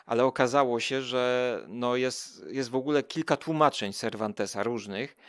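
A man's voice: medium pitch, moderate pace, a bit bright, no echo, clean studio sound. A man chatting casually as a podcast guest, rambling with many fillers and restarts. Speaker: podcast guest, food show creator. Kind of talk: casual chat.

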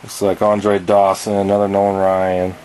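A young man with a lowish voice talks offhandedly, listing items in a casual show-and-tell. He is recorded on a handheld camera in a cluttered basement room, with faint background noise under his voice. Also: completely flat delivery, normal speed. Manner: offhand, rattling off items with fillers. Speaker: collector showing his collection.

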